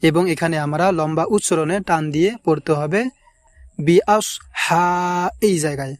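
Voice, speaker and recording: A man teaching correct recitation, drawing out words slowly and repeating them to correct pronunciation. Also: fairly high pitch, no echo, clean studio sound. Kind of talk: recitation lesson.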